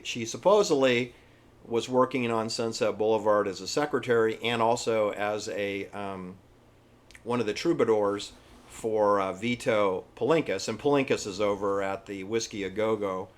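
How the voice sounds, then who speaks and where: A man giving informal, opinionated history commentary in an emphatic, halting, repetitive manner. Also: fairly low pitch. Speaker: presenter. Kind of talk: informal conspiracy-history commentary over pictures.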